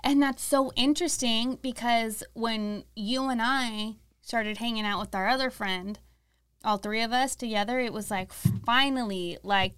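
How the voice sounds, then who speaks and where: Chatty woman with a smooth voice. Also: fairly high pitch, a bit bright, no room sound. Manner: earnest and chatty, laughing often. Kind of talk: casual chat.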